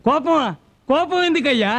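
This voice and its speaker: An actor playing a middle-aged newspaper editor who pleads nervously and then turns theatrical. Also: male voice, very high voice, expressive, normal speed, fairly bright tone. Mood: sarcastic.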